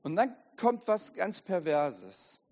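A man preaching as a pastor, lively and direct, often asking the congregation questions, recorded in an echoey hall with dull sound. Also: high-pitched, takes it slowly. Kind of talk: sermon.

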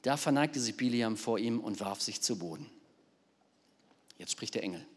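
A man preaching a sermon, retelling a story in a lively, animated way. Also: lowish voice, moderate pace. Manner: animated, acts out the characters. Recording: long reverb of a large hall.

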